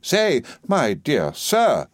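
Man voicing a fussy old widow, high and gushing, heavy emphasis, dry sound. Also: wildly swooping pitch, extremely slow, no echo, heavily acted. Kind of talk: audiobook character reading.

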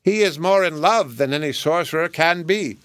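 A man voicing a prince who fakes a parrot's voice, high and chirpy in an eager storybook reading. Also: normal speed, a bit bright, no echo, studio quality, close to an everyday voice. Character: prince mimicking a chattering parrot.

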